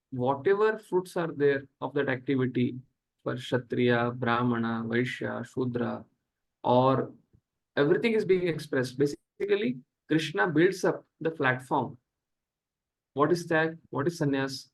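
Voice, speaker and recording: A man with an Indian accent giving a scripture lecture as a spiritual teacher, slow and deliberate, halting often between short phrases. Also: fairly high pitch, vocal fry, poor audio. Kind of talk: scripture lecture over online class.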